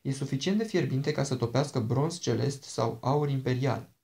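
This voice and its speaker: A man's voice: mid-range voice, creaky, darkish tone, close to an everyday voice. A man voicing an ancient princess, a charming and dangerous woman who talks in a sweet, persuasive, coaxing way.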